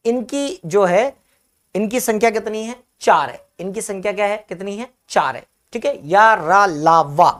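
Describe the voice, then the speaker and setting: A male Hindi teacher giving a live online grammar class, asking his own questions and answering them, repeating key terms slowly so students can write them down. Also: sits high, animated.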